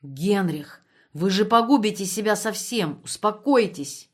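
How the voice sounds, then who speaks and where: A woman voicing a gentle German man who pleads softly but firmly in broken Russian. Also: mid-range voice, lively intonation, a little slow. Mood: pleading.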